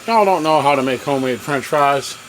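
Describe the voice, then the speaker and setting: A man's voice: medium pitch, brisk. Folksy man cooking in a camper. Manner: folksy, chatty, talks with mouth full. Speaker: cooking vlogger. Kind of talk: casual cooking vlog. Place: camper kitchen with propane cooker. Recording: noisy home video with frying sounds. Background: boiling water and frying.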